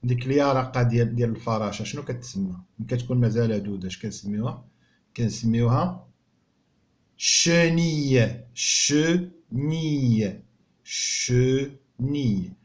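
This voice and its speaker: Man, Moroccan accent, primary school teacher, slow sounded-out words, quick explanations, mid-pitched. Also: mellow. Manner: sounds out French words slowly and clearly, then explains quickly. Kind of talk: French reading lesson explained in Moroccan Arabic.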